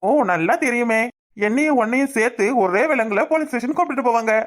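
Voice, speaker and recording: A woman plays a cocky young male blackmailer in a cartoon, taunting and menacing in a Kanyakumari Tamil accent. The voice sits fairly high and the words tumble out fast. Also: expressive, natural voice. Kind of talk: cartoon voice acting.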